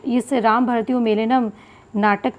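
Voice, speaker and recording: A woman's voice: a little high, fairly even intonation, takes it slowly. A woman teacher explaining a Sanskrit textbook lesson, going word by word and repeating key terms. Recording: tinny phone-like audio.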